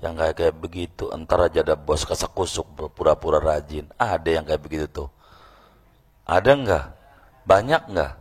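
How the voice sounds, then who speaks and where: Deep, gravelly male preacher; folksy mosque sermon, acts out characters. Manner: folksy storytelling, acts out voices, teasing questions to audience. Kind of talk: mosque lecture after midday prayer.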